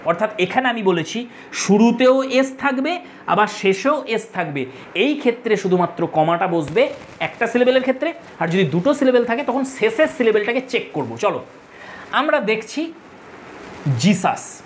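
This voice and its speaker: A woman's voice: fairly high pitch, big pitch swings, moderate pace, a little hiss or hum. Patient woman teaching a grammar lesson. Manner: patient, repeats rules step by step. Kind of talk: explaining a lesson to students.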